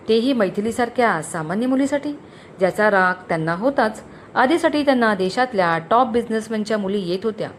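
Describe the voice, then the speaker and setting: A woman storyteller narrating a romantic story in an expressive reading voice. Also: mid-range voice, a little hiss or hum.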